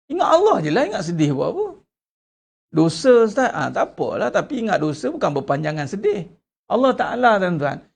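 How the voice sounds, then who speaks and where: A man preaching a sermon as a religious teacher, animated and full of rhetorical questions to his congregation. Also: sits high, a little fast, creaky, breathy edge.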